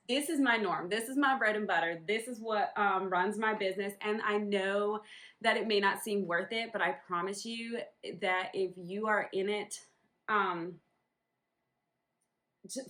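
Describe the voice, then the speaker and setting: A woman's voice: medium pitch, a bit bright. A woman from Northern New England chatting casually about her home embroidery business, rambling with many ums and likes. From Northern New England, USA. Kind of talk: casual vlog chat.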